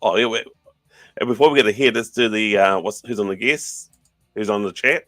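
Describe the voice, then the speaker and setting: A man's voice: lowish voice, brisk, fairly bright tone, no echo, soft background music. A man with a broad New Zealand accent hosting a podcast in casual, matey, slangy chat. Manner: blokey, matey, slangy address. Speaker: podcast host.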